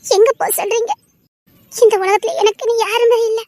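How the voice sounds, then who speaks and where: A woman's voice: extremely high pitch, steady tone, moderate pace, a little mellow, faint music behind. A woman with a Tirunelveli accent playing a devoted young heroine in a dramatic serial, speaking with heartfelt, defiant conviction. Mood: sorrowful. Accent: Tirunelveli Tamil. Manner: defiant, then sorrowful and pleading.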